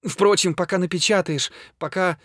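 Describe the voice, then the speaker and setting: A man voicing a terrified gentleman who fears he is going mad, pleading desperately in high outbursts. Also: normal speed, dry recording, clean studio sound. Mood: frantic pleading. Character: frantic terrified man, gentleman fearing madness.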